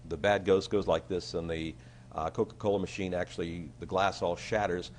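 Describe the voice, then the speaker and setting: A man's voice: low-pitched, moderate pace, slight background noise. A man chatting as a talk show guest, then doing a comedic magic routine with playful showman patter. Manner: animated, jokey showman patter, bursts of hummed tune. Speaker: guest, magician and stage effects designer.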